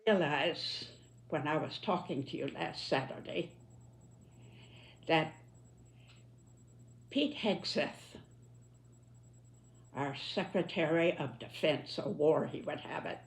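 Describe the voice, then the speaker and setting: This is a very old woman, in her nineties, with a somewhat low voice. She talks at a very slow, deliberate pace. Her reflective commentary is solemn, with emphatic stress on the phrases that matter. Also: a little hiss or hum. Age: 90s. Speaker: elderly commentator reflecting on history and politics. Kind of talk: reflective spoken commentary to listeners.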